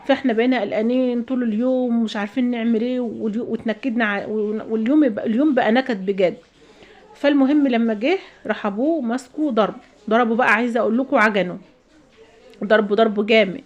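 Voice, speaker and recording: A woman's voice: on the high side, fast, highs cut off. A woman in her thirties with an Egyptian Arabic accent, a mother chatting to her viewers, venting and giving advice. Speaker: vlogger, mother. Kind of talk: casual storytelling to viewers.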